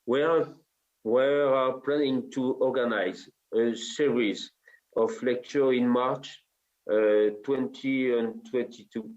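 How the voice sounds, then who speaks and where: A French man speaking English with a French accent, giving a halting conference presentation full of hesitations. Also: mid-range voice, darkish tone. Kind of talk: formal conference talk. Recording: dull lo-fi audio.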